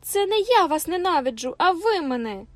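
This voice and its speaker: A proud young woman on the edge of tears, pleading and insisting in a high, urgent voice, as a woman reader puts her on. She pushes her words out with feeling. Faint music plays behind the audiobook reading. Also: animated, brisk, dry recording. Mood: sobbing. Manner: insistent and emotional, near tears. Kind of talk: audiobook character voice.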